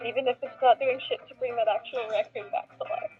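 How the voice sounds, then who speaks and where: A woman's voice: fairly high pitch, fairly even intonation, fast talker, lightly acted. A woman playing a blunt, caring, exasperated young woman in a video game. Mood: grudgingly charmed. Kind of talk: reading a video game role aloud. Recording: thin phone-like audio, music behind.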